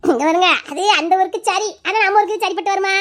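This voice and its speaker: A woman's voice: very high voice, quick pace. Woman playing a blunt, gossipy village mother-in-law. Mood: scolding. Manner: scolding, gossipy, preachy.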